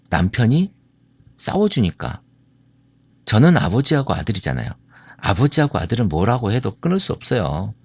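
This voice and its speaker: Addressing an audience on marriage and family, a middle-aged speaker from South Korea's Jeolla region tells stories and poses questions to listeners. He has a fairly low, husky voice, recorded with no room sound.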